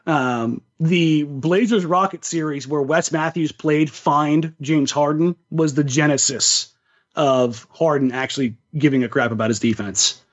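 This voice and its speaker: Basketball is the topic as this man co-hosts a sports podcast, his voice a little high and his pace measured. His phrasing is casual, slangy and emphatic, and the audio sounds somewhat dull and lo-fi.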